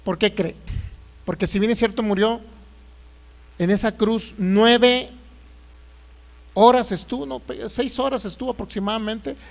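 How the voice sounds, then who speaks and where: High-voiced preacher, lively. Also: male voice, measured pace, gravelly, pauses often. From Mexico. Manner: lively preaching, acts out voices of Bible figures, rhetorical questions. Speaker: pastor. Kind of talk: sermon.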